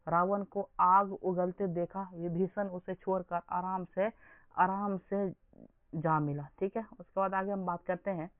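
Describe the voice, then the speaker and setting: A man's voice: sits high, fairly even intonation, measured pace, no echo. A young man teaching an exam coaching lesson, quizzing his listeners with repeated questions. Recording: dry, phone-like lo-fi sound.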